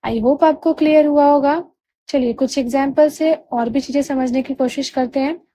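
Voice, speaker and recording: A woman teaching English grammar, patiently checking understanding and drawing out key words slowly. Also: high-pitched, steady tone, mellow. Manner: drawls key words slowly to spell them out. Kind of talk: explanatory lesson.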